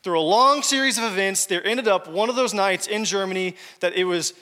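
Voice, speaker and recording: Guy preaching, tells stories w/ jokes to the crowd, bright voice, big echoey church hall. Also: high voice, a little fast. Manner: conversational, joking asides to the congregation. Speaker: pastor. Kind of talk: sermon with personal storytelling. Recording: long hall reverb.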